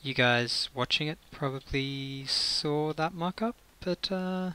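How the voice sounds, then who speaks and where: A fairly high, slow male voice, smooth yet sharp in tone, belongs to a gaming video creator. He gives casual commentary while building, muttering and thinking aloud to himself. Faint hiss and clicking sit under the recording.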